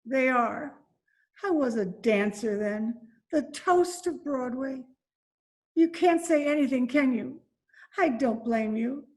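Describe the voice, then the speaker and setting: Over a video call recording, a woman acts in an amateur old-time radio drama as a faded, despairing former Broadway dancer and mother from Spain, delivering her lines with bitter, wistful, rueful drama. Her high-pitched voice has lively intonation and takes things slowly.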